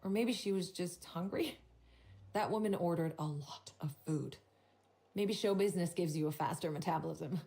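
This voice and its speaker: Game NPC: a woman playing a polite but catty hotel clerk, formal phrasing, slightly low voice. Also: moderate pace, dark tone, lightly acted. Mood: gossipy. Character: prim gossipy female hotel desk clerk. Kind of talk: video game voice acting.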